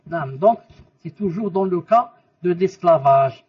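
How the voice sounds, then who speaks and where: A man's voice: sits high, expressive, slow pace, husky. A man teaching a religious lesson, explaining by asking questions and repeating the answers, and mixing in Arabic terms and quotations. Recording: muffled voice from a distance.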